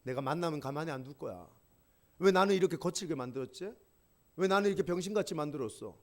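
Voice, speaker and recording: A male pastor voicing an angry, rough wooden boy puppet who fires off indignant questions in a storybook retelling. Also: on the high side, expressive, fast. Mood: fuming.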